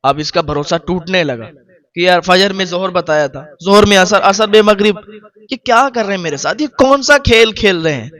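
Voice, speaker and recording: High-voiced man telling a moral tale. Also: expressive, fairly bright tone. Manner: repetitive, preachy asides to the listener. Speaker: storyteller. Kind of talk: emotional moral storytelling.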